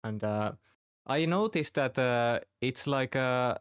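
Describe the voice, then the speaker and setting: A man from Finland chatting casually, halting often as he searches for words. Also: medium pitch, animated, smooth, dry recording, clean studio sound. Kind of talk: casual chat.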